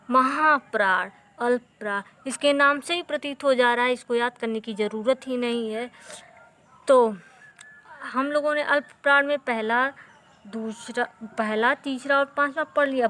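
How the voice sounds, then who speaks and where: A woman teaching a grammar lesson for exam students. Her voice sits a little high, and she goes very slowly. She repeats each key term patiently and drills the letters aloud one by one. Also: a bit bright.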